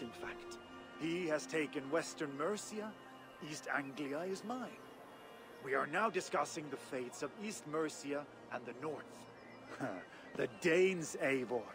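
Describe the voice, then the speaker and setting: Guthrum, a gentle old Viking king. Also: on the high side. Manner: slow, gentle, laughs often. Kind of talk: video game cutscene acting.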